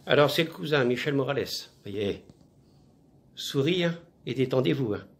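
A man voicing a zany, rambling male cousin in a comic monologue, mumbling absurd jokes in a low voice. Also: expressive, moderate pace, natural voice.

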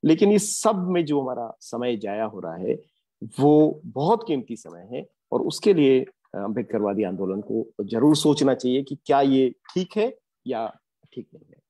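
Earnest man lecturing in a lively voice. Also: medium pitch, unhurried. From India. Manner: earnest, reflective, with frequent hesitations. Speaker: guest lecturer. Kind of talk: academic lecture.

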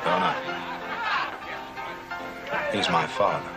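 A young actor playing a resentful, brooding cowboy who speaks curtly and coldly. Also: male voice, deep voice, takes it slowly. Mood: bitter. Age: young adult. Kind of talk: 1950s television western acting. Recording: old TV soundtrack, music, saloon crowd.

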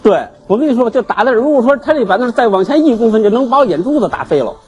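A man, a guest telling his grievance on a TV talk show in an animated, aggrieved way. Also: very high-pitched, rapid-fire, a little hiss or hum. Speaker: guest, husband seeking divorce. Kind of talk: emotional storytelling on a TV talk show.

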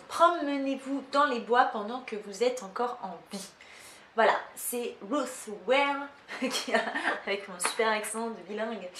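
A woman's voice: on the high side, a little hiss or hum. A woman vlogger chatting casually to camera, self-mocking, with many fillers. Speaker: book vlogger. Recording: roomy echo.

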